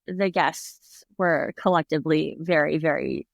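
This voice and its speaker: Here the same kind of guest speaks with a deep, creaky voice at a measured pace; the audio is dull but has no echo. She's a middle-aged restaurant owner and native English speaker, chatting and laughing her way through stories in a casual interview while performing quoted voices.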